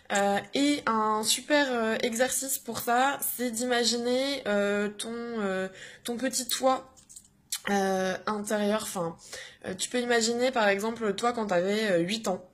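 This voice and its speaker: A young woman short on sleep giving an energetic morning vlog pep talk, full of hesitations and bursts of cheering. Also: a little high. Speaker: vlogger.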